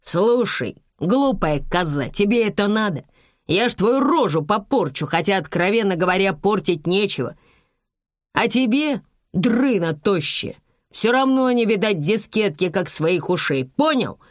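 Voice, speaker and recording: A woman reading aloud and voicing a rude, menacing male thug who shouts drawn-out threats. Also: medium pitch, animated, no echo, studio quality, close to an everyday voice. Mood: threatening.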